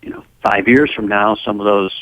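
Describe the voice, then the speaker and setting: A man's voice: fairly low pitch, steady tone, normal speed, fairly bright tone, lo-fi sound. A man in his forties calling in to a radio show, chatting casually and agreeably with the host. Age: 40s.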